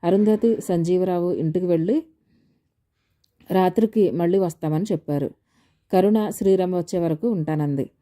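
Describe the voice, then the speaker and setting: A woman's voice: fairly low pitch, normal speed, pauses often, warm tone. A woman reading a novel aloud as an audiobook narrator, telling the story steadily and voicing the characters lightly.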